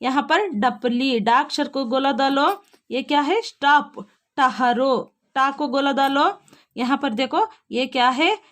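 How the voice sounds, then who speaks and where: Slow, patient woman teaching young children. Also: sits high. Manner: slow, patient, spelling words out letter by letter. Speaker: primary school Hindi teacher. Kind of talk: online classroom lesson for young children.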